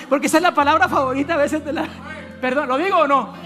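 A man's voice: very high-pitched, brisk, bright, forceful tone, soft background music, some chatter behind. A man preaching a sermon as minister, telling stories with acted-out voices and asking the congregation questions.

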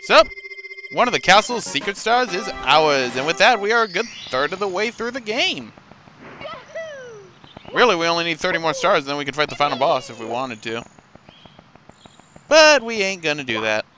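A man with a highish, sharp-toned voice is very animated, speaking at a moderate pace with long pauses. As a gaming video host, he gives casual, playful let's play commentary, often addressing the characters in his game. Video game music plays behind him.

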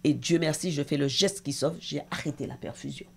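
A woman's voice: low voice, a little fast, creaky, slight background noise. A middle-aged woman, a talk show guest and association president, giving an intense, emotional personal testimony with hesitations.

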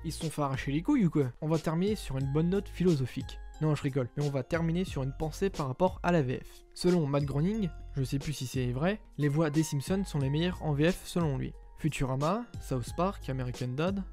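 A man's voice: a little high, a little fast, hardly any pauses, mellow. A young adult man talking casually and in slang to his viewers in an opinion vlog. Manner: slangy, conversational, addresses viewers directly. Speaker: anime YouTuber. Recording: faint background music.

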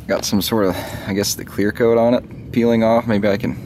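A man from the southern United States, vlogging as he works on his car, speaks in a low, darkish voice with little pitch movement and a moderate pace. His talk rambles casually, offhand and a bit profane, outdoors at an open trunk, recorded noisily on a handheld phone or camera with clicks and clunks.

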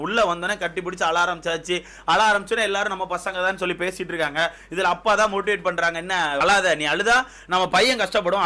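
Fast-talking high-voiced young man commentator. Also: bright, forceful tone. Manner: chatty and emphatic, keeps calling the viewers bro. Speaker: reality show commentator. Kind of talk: casual commentary to viewers.

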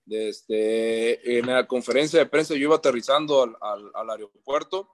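A man's voice: mid-range voice, normal speed. A man, a professional boxer in a post-fight interview, boasting and trash-talking his rivals.

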